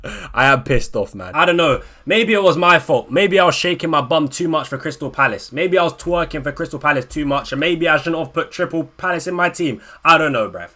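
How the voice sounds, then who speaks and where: A young man vents in a casual reaction video, his voice sitting a little high with a bright, forceful edge. He talks in slang and trips over restarts when he gets worked up. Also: a little fast, few pauses. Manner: exasperated, animated, slangy, stumbling restarts. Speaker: fantasy football YouTuber.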